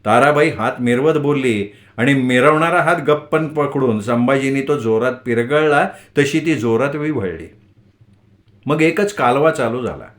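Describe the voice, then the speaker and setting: A man's voice: medium pitch, lively intonation, unhurried. A man narrating a novel as an audiobook storyteller, reading steadily and expressively.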